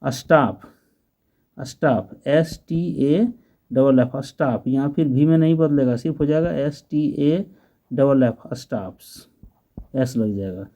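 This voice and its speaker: Patient male tutor, unhurried spelled-out grammar lesson, soft mellow tone. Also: mid-range voice. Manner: patient, spells letters slowly and asks the class questions. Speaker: teacher.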